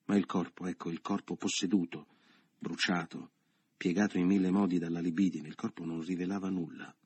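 A man narrates a literary novel in a measured, subdued way. His voice sits very low and has a husky grain. The recording is close and dry. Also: little pitch movement, a little mellow, dry recording. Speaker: audiobook narrator.

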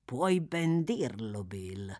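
Audiobook: reader voicing a wheedling old man, soft murmur, swooping pitch. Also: big pitch swings, takes it slowly, no room sound, studio quality, full character voice. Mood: sly murmur. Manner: murmuring, pensive. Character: sly old male fence, scheming and wheedling. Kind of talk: audiobook character voice.

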